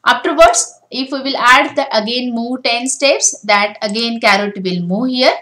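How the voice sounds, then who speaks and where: A woman's voice: fairly high pitch, a little slow, bright, forceful tone, rough recording. A woman teaching a coding lesson for beginners, explaining each step in turn over a screen recording. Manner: step-by-step explaining, often starting with "now".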